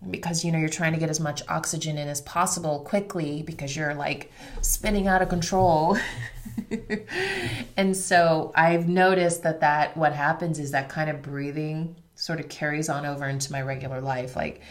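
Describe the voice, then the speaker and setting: A low-pitched woman's voice with fairly even intonation moves at normal speed, slightly congested after an illness. The speaker, a podcast host and meditation guide, improvises her hosting, leading breathing exercises and talking casually about personal matters.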